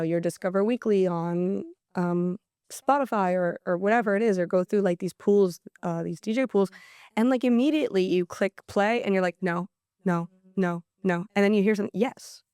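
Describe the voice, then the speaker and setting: Animated American woman, smooth dry studio voice. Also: medium pitch, moderate pace, dry recording. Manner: animated storyteller, lots of "like" fillers. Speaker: DJ guest. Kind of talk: casual podcast chat. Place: podcast studio.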